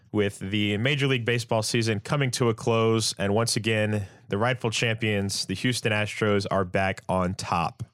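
A young man reading a sports news rundown on radio in a steady, announcer-like way. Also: fairly low pitch, clean tone, no room sound, clean studio sound.

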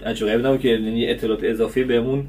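A man's voice: medium pitch, flat delivery, darkish tone, recorded from a distance. A man hosting a casual review vlog about a TV series, chatty and full of fillers.

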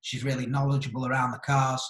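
A man talking casually on a podcast in a thoughtful, halting way, rephrasing as he goes, in an echoey room. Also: medium pitch, level tone, a bit bright.

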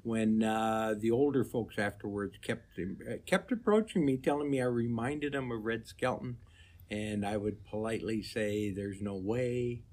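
Slightly low-voiced man telling stories. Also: moderate pace, darkish tone. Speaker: comedian and celebrity impersonator, interview guest. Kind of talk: conversational interview storytelling.

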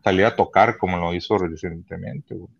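Low-voiced man telling stories. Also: a little fast, gravelly, lo-fi sound. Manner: profane, animated, many restarts. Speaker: guest. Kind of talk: casual storytelling chat. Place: Chula Vista hospital.

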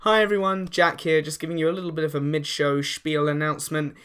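A man's voice: on the high side, level tone, fast talker, a bit bright, faint music behind. A young man hosting a podcast, chatting casually with plenty of fillers and laughs. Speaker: podcast host. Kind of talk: casual chat.

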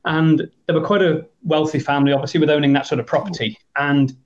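An English man in his fifties talks as a podcast guest. He tells his stories in a rambling, hesitant way, full of ums. His voice sits slightly high and sounds dull and lo-fi. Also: fairly even intonation, fast. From England. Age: 50s. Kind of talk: storytelling in a podcast interview.

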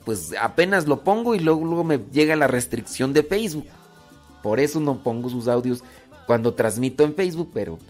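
A Mexican man with a rural ranchero accent hosts a radio show and talks to his listeners. His voice sits a little high for a man, and he rambles, stalling on fillers and starting over. Soft music plays faintly behind him. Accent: Mexican, rural ranchero speech. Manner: rambling, with many fillers and restarts. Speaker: radio host. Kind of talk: casual radio talk to listeners.

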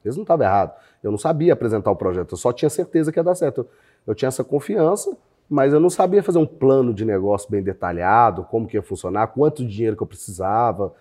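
A man's voice: medium pitch, animated, fast, mellow. A man with a Brazilian accent, a company founder chatting as a guest in a casual interview, telling his story with frequent laughs. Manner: chatty, laughs often, acts out quotes.

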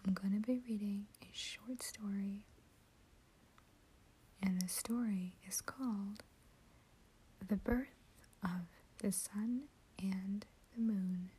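A woman whispers a story at an unhurried, gentle pace, every word airy and breathy. Her hushed tone sits mellow and warm, close and soft, for a calm ASMR reading. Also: medium pitch, rough recording. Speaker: channel host reading a story.

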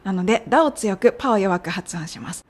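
A young woman casually teaching English pronunciation of medical terms, drilling the sounds slowly. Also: medium pitch, animated. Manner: friendly, chatty coaching, drilling sounds slowly. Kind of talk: casual podcast lesson.

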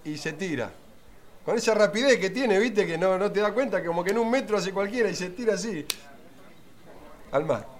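A man's voice: high voice, lively intonation, fairly quick, long pauses. A man with a Rioplatense accent playing an earnest middle-aged man who tells rambling anecdotes full of fillers and asides in a comedy sketch. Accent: Rioplatense Spanish. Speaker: friend telling anecdotes.

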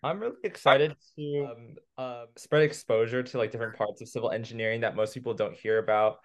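A young man from California, a new podcast co-host, talking earnestly in casual chat. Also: medium pitch. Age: young adult. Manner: earnest, with some "um" and "uh" pauses.

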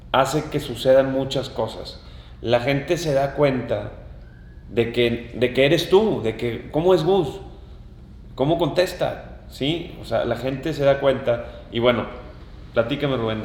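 A man's voice: mid-range voice, darkish tone, a little hiss or hum. A man hosting a casual podcast, talking emphatically and repeating key words for stress. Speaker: podcast host. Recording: roomy echoing room.

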